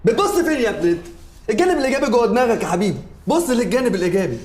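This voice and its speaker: A man's voice: very high voice, sing-song, darkish tone. An actor playing a wisecracking young man with an Egyptian accent. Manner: quick, wisecracking. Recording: echoey room.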